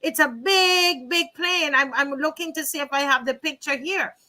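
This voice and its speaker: A woman's voice: high-pitched, normal speed, sharp tone. A woman hosting an online panel discussion, asking rhetorical questions and addressing her listeners directly. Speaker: host.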